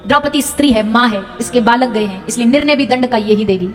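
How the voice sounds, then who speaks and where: Speaking fast in a higher-pitched voice, a woman from India dramatically recounts a devotional story as a katha storyteller, singing Sanskrit verses along the way. The live event takes place in a big hall, so long reverb and music surround her words.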